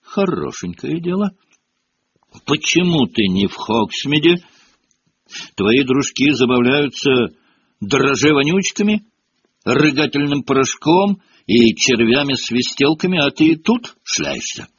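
A man's voice: medium pitch, expressive, slow, slight background noise, voice pushed up. Figure: a man doing a suspicious old caretaker. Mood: scolding. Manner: suspicious and scolding. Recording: dull lo-fi audio.

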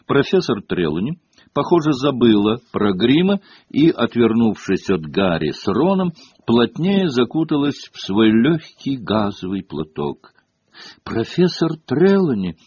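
A man narrating an audiobook with expressive storytelling. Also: mid-range voice, measured pace, slightly rough, no room sound. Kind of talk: audiobook reading. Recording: dull lo-fi cassette audio.

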